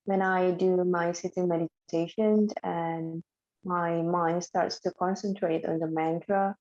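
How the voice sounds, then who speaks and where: A woman with a lowish, warm voice asks her questions hesitantly, pausing on many ums. Her call audio sounds muffled and lo-fi. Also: steady tone. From Indonesia. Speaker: participant asking questions. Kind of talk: asking questions on a video call. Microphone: video call.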